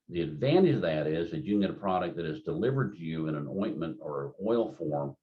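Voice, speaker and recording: A man's voice: deep voice, a little mellow. An older man giving a continuing-education lecture in a rambling, anecdotal, conversational way, full of fillers. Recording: dull lo-fi lecture recording.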